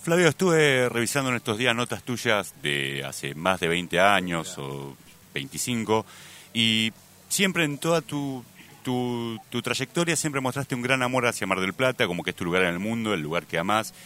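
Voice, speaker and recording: A man's voice: on the low side, animated, normal speed, sharp tone. A man with a Rioplatense accent hosting a radio interview, asking long, layered questions. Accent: Rioplatense Spanish. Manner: long, elaborated multi-part questions. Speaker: radio host. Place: radio studio.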